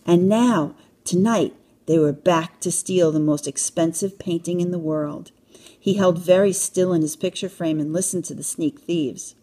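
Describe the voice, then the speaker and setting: A woman reading a children's storybook aloud in a calm, even narration. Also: fairly low pitch, unhurried. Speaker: children's book reader.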